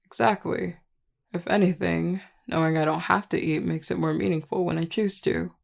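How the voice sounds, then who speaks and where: A performer voicing a charming, affectionate vampire lover in an intimate audio role-play, teasing and tender in a relaxed, gravelly voice. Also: medium pitch, normal speed. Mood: tender, reflective. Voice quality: gravelly, heavy vocal fry. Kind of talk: intimate audio role-play, one-sided dialogue to listener.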